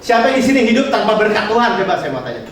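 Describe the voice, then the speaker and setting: Animated preacher in an echoey church hall. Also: male voice, high-pitched, racing, recorded from a distance, slight background noise. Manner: animated and colloquial, mixing English words. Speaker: pastor. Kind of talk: sermon.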